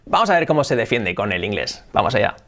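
A man giving a casual video lesson on English pronunciation. He repeats example phrases slowly and carefully, stretching out the sounds. He checks in with his viewers again and again. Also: on the low side, sing-song, a bit bright. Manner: slow drawn-out demonstrations of phrases, frequent "¿ok?".

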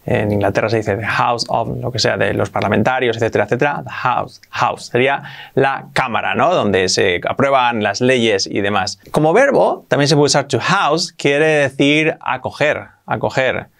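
Gravelly Spanish man teaching English. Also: mid-range voice, lively intonation, fairly bright tone. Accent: Spanish from Spain. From Spain. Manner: repeats example phrases slowly, acts out little dialogues. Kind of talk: casual language lesson.

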